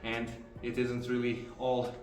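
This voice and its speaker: A man's voice: medium pitch, completely flat delivery, measured pace. Brief: man, casual training vlog, breezy explainer with fillers, now and then winded, echoey room. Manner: breezy, explaining exercises between sets with many fillers. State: out of breath at times. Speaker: arm wrestler filming his training. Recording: roomy sound from a far camera, faint music.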